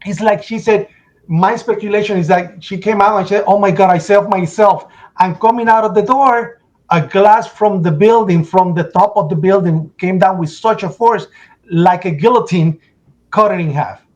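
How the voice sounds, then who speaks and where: A man giving emotional first-person testimony in an interview, telling his story urgently and acting out shouts and the words people said. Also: high voice, normal speed, lo-fi sound. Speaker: interview guest.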